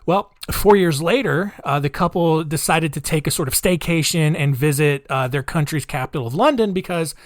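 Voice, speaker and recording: The host of this casual storytelling podcast is a chatty, animated man who addresses his audience as "guys," full of asides and swings from loud emphasis to quiet remarks. His voice leans high, his pace is moderate, and he barely pauses. The sound is clean, dry studio audio.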